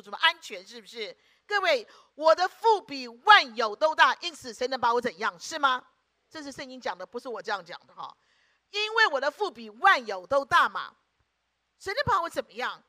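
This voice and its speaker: A woman preacher delivers a sermon in a high, bright, forceful voice. She speaks emphatically and keeps putting rhetorical questions to the congregation to check they are following.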